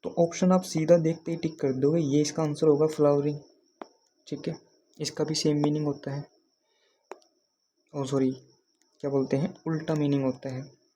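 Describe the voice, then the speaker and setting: A man's voice: a little high, flat delivery, normal speed, pauses often, mellow, a little hiss or hum. A man from Haryana teaching an exam prep lesson, patiently repeating questions to his students. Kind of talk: explaining lesson.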